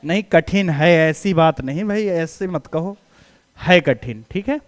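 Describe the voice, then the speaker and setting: A man's voice: fairly high pitch, unhurried. A man with a Hindi accent teaching English grammar to students. He keeps asking quiz questions and answering them himself, in a coaxing, reassuring tone. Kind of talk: classroom grammar lesson.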